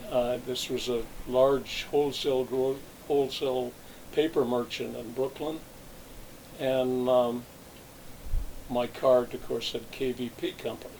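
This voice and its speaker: Older man recounting his working past for an interview, meandering and halting, with a faint hiss behind him. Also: mid-range voice, little pitch movement, darkish tone, low-quality recording. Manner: rambling, reminiscing with frequent restarts. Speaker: interviewee, retired salesman. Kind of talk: oral history interview.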